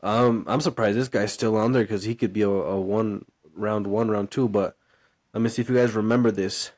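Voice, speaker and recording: A man's voice: lowish voice, fairly even intonation, moderate pace, darkish tone, no room sound. A man co-hosting a casual sports podcast, blunt and teasing, swearing a lot. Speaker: podcast co-host.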